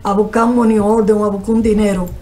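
A woman's voice: medium pitch, flat delivery, fast talker, warm tone. An older woman from the Dominican Republic with a Dominican Spanish accent, speaking earnestly as a guest on a TV panel show, recorded on a desk mic in a studio. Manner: earnest, gesturing, speaks in long explanatory runs. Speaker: guest, cultural manager. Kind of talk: TV panel discussion. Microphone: desk microphone.

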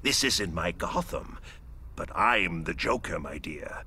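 A man's voice: low voice, animated, takes it slowly, a little hiss or hum, exaggerated voice. An actor playing a gleeful, theatrical madman villain in a video game, mocking and grandiose. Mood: sly, amused. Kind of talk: video game cutscene acting. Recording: loud music under the voice.

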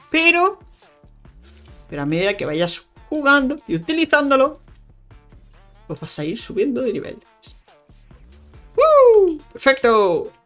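A woman's voice: a little high, fairly bright tone. A woman with a Spain Spanish accent giving casual, playful commentary while playing a video game, teasing enemies and talking straight to her viewers. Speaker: gaming YouTuber.

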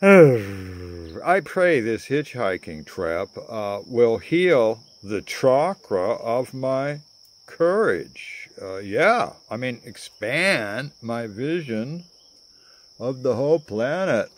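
An older man voicing a dreamy young hippie woman traveler who prays softly and muses aloud, recorded close on a phone camera in a garden outdoors. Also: mid-range voice, big pitch swings, drawn-out words, voice pushed up, exaggerated voice. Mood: musing.

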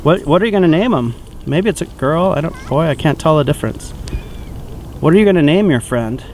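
A woman's voice: low-pitched, lively intonation, a little fast, a little mellow. A woman behind the camera on a beach gives cheerful, encouraging narration to young viewers as she films a child at play. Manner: cheerful, encouraging, talks to the kids watching. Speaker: parent filming a child's toy play. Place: outdoors on a shell-covered beach. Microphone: camera mic behind the lens. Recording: noisy outdoor audio with wind and water.

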